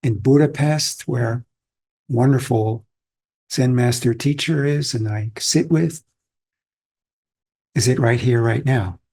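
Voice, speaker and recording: Husky-voiced man giving a calm Zen talk. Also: mid-range voice, slow, pauses often. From Austria. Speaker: Zen teacher. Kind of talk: dharma talk.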